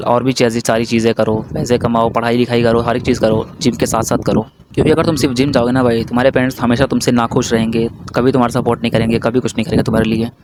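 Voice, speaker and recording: A man's voice: mid-range voice, little pitch movement, fast, hardly any pauses. A young man from India giving casual, brotherly advice straight to the viewer, repeating his points as he goes. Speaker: vlogger. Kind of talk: casual advice talk to camera. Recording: noisy background hiss.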